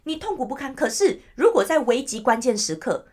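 Lively chatty woman podcast host. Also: high-pitched, fairly quick. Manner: chatty, animated, asks listeners "you know?". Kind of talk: casual solo podcast talk.

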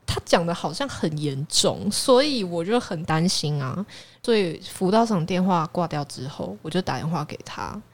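A young woman with a Taiwanese Mandarin accent who tells a story in a lively, exasperated way on a casual chat show. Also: on the low side, normal speed. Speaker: podcast co-host.

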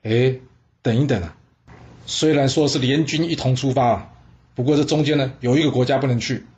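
Guy telling history stories, animated and chatty, mid voice, kinda muffled. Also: mid-range voice, a little fast. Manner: lively, rhetorical, acts out scenes. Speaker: podcast host, storyteller. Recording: slightly dull lo-fi.

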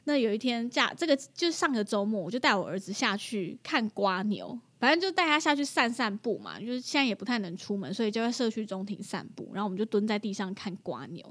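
Animated woman telling a story. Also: medium pitch, quick pace, hardly any pauses. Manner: animated, laughs often, acts out her own reactions. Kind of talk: casual storytelling chat.

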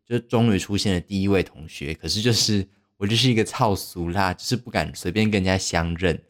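With a low-pitched voice and a fairly quick delivery, a young podcast host narrates a story casually. He wanders off track, mocks himself, and relies heavily on fillers.

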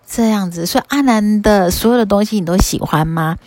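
Woman playing a calm wise teacher. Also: mid-range voice, a little fast, no room sound, natural voice. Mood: patient. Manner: gentle, patient questioning.

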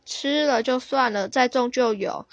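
A woman's voice: high voice, measured pace, gravelly, no room sound, dull audio. A woman doing an easygoing man who agrees to everything. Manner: cheerful, soothing, always agreeing. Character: gentle easygoing man who says yes to all.

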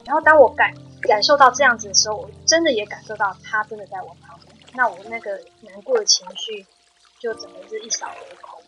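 Bright-voiced woman telling a personal story. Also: fairly high pitch, quick pace, faint music behind, low-quality recording. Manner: earnest, emotional storytelling with soft-spoken quoted dialogue. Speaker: podcast guest.

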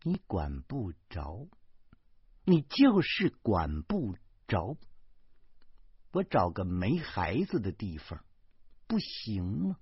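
Shrill, scolding wife bursting out in stammering outbursts, as a male audiobook reader puts her on, her pitch leaping wildly from low mutters to high cries. The voice sounds slightly husky, and the dull, dry recording is lo-fi with no room sound. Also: sing-song, slow, pauses often, no room sound, full character voice. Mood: defiant. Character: furious nagging wife, middle-aged woman.

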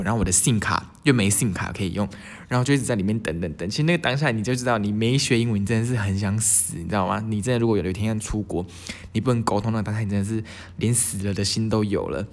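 A young man from Taiwan, hosting his channel in a casual storytelling monologue, lively and sprinkling English words into his speech. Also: lowish voice. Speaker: channel host.

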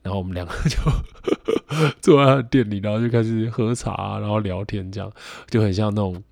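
A man's voice: fairly low pitch, fairly quick, vocal fry, darkish tone, dry recording, clean studio sound. A young man with a Taiwanese Mandarin accent hosting a solo podcast, reflective and rambling with many fillers. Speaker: podcast host. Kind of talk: casual solo podcast talk.

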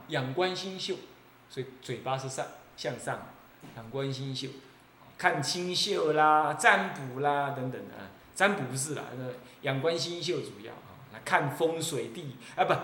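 A male abbot with a Taiwanese accent delivers a Buddhist sermon, teasing and laughing as he goes. His voice sits a little high. The recording is roomy and echoey. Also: a little hiss or hum. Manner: lively, mocking, laughs often.

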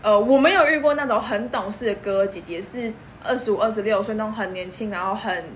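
A young woman with a Taiwanese Mandarin accent, a podcast guest telling lively stories and laughing often. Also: medium pitch, fast, slight background noise. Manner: lively storytelling, laughs often, acts out quotes. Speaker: guest, pork stall worker. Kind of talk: casual podcast chat.

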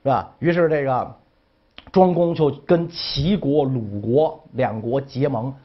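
A man's voice: medium pitch, measured pace, slightly rough, dull audio. A man telling history in a folksy, jokey way with many asides. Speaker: history storyteller. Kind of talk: casual storytelling.

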